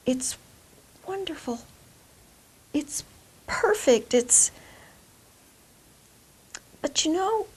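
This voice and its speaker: A woman voicing a crafty immigrant trickster in a folk tale, coaxing and teasing in a drawn-out, theatrical way. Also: sits high, voice pushed up, exaggerated voice. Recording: clear background hiss.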